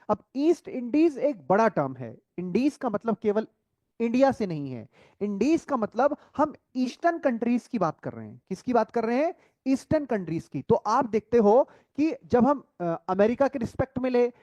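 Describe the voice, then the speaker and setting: A man teaching a coaching-class lecture, asking questions and answering them himself, repeating key terms with the answer dropping low. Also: darkish tone, no room sound.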